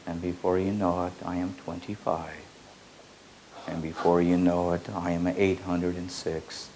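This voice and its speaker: A man with a very low voice, darkish and level in tone, leads a slow meditative spiritual teaching, intoning repeated phrases like an incantation while his pitch barely moves. The rough recording has a faint hiss from an old tape underneath.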